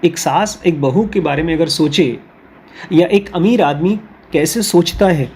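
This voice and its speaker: A man teaching a spirituality course, explaining ideas in Hindi mixed with English phrases. He reads English lines slowly, then explains them through everyday examples. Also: fairly high pitch, a little mellow, breathy edge. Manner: explains with everyday examples and role-play scenarios.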